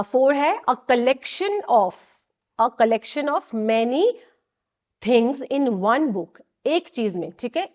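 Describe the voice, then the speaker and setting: A woman's voice: fairly high pitch, darkish tone. Woman teaching English words, lo-fi. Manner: explains slowly, repeats key words, checks in with "ठीक है". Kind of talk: vocabulary lesson. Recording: dull lo-fi audio.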